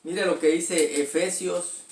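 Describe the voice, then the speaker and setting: Preacher with a fairly high voice, echoey hall. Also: male voice, steady tone, slow pace, distant mic. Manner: reads scripture aloud, then explains with rhetorical questions. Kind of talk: sermon with scripture reading. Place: church hall.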